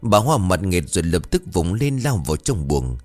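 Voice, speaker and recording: A man narrating a ghost story in a suspenseful, expressive manner. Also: low-pitched, moderate pace, dry recording, faint music behind. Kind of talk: dramatic horror story narration.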